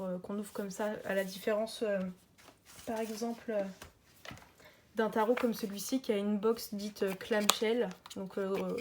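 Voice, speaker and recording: A woman's voice: mid-range voice, a little mellow, slight background noise. A woman chatting casually and enthusiastically through an unboxing, with lots of hesitations. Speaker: tarot and oracle deck reviewer.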